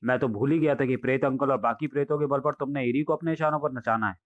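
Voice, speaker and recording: A man's voice: mid-range voice, fast, dry recording, dull audio, natural voice. A man voicing a scheming male mad scientist villain who talks in a gloating way.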